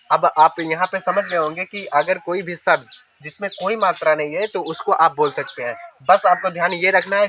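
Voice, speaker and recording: Patient male reading teacher, high voice, repeats each word syllable by syllable; faint hiss and birds in the background. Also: pushed and bright. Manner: sounds out syllables slowly, repeats words for correct pronunciation. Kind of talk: children's reading lesson. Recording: dull lo-fi recording with faint noise.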